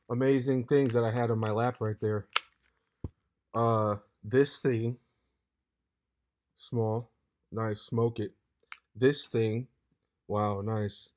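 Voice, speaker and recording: A hoarse man in his late twenties rambling loosely in a casual vlog, saying "dude" constantly. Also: on the low side, darkish tone. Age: 20s. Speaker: vlogger.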